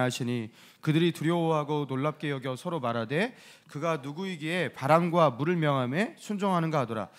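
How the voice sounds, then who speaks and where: A male pastor giving a dawn sermon, lively and animated, acting out quotes and laughing now and then. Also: high-pitched. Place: church sanctuary.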